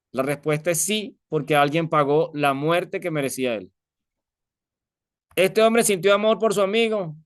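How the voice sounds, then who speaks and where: A man's voice: fairly high pitch, no room sound, clean studio sound. A man preaching a conversational sermon, telling an illustration and asking his listeners many rhetorical questions.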